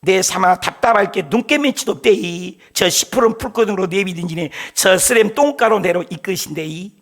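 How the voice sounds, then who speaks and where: A man's voice: high-pitched, normal speed, fairly bright tone, voice pushed down. A man voicing a blunt rustic fellow with a Gyeongsang dialect, reciting in a drawling folksy way.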